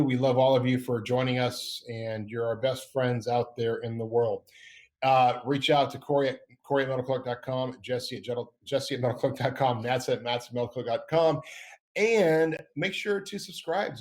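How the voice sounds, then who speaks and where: Rambling and upbeat, a middle-aged podcast host chats casually with a medium-pitched, slightly mellow voice at an unhurried pace. He frequently stops to fix what he's just said.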